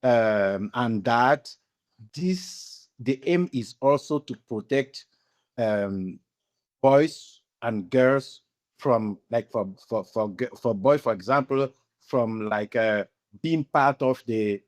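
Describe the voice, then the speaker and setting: A man from Cameroon talks as a podcast guest, answering without a script. He speaks haltingly, pausing, repeating words and correcting himself as he goes. His pitch sits at an ordinary middle level for a man. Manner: halting, searching for words, many self-corrections. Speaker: interview guest, cycling club founder. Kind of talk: unscripted interview answers.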